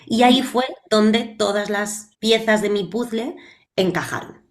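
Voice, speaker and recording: A woman from Spain in her thirties, a guest actress and speech therapist, telling her story with lively pace. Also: mid-range voice. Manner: lively and quick storytelling, with some restarts. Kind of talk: personal storytelling in an interview.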